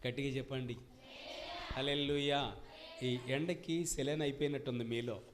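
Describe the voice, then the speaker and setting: A man preaching a sermon as pastor to his congregation, swinging between loud emphatic questions and quieter asides. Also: mid-range voice, steady tone, normal speed. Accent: Telugu. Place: church service.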